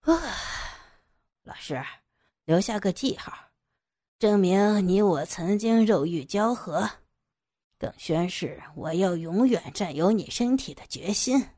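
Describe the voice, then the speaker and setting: A woman voicing a cold, sneering, domineering young man who mocks with low chuckles. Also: expressive, slow, pauses often, mellow, no echo, clean studio sound. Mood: menacing.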